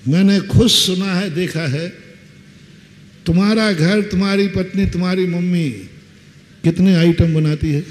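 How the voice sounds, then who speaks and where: A man giving a sermon as a Jain monk, telling stories slowly and acting out quoted speech. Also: high-pitched. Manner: slow, lively storytelling with acted quotes. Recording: long reverb, faint ambience.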